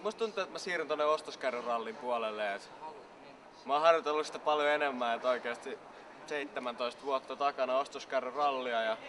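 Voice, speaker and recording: Man, rambling deadpan nonsense, mock interview, loud street noise. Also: medium pitch. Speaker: mock athlete being interviewed.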